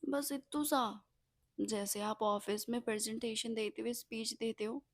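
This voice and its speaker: A woman's voice: on the high side, steady tone, a little slow, no echo, studio quality. A woman voicing a playful, tipsy young woman in a spoken love story, teasing and coy.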